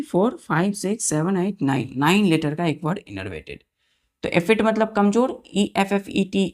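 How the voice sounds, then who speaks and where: A woman's voice: on the low side, darkish tone. A woman teacher teaching English vocabulary to students, spelling words letter by letter and repeating each meaning while asking the children whether they follow. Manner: asks the children questions and checks they follow. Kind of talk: vocabulary lesson for exam students.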